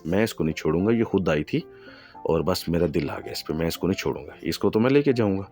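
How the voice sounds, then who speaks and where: A man's voice: sits low, expressive, darkish tone, faint music behind. A man voicing a defiant male spirit that has possessed a girl, speaking in a stubborn, threatening way.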